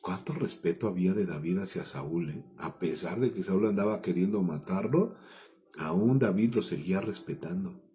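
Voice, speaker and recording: A man's voice: deep voice, moderate pace, warm tone. A Mexican Spanish-speaking man preaching a Bible study, reading scripture aloud and then explaining it in his own words with frequent restarts.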